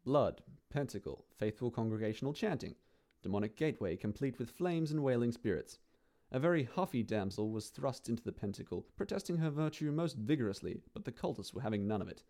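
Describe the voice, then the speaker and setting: A man narrating a gory dark-fantasy story with dry, theatrical relish. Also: medium pitch, expressive, fairly quick.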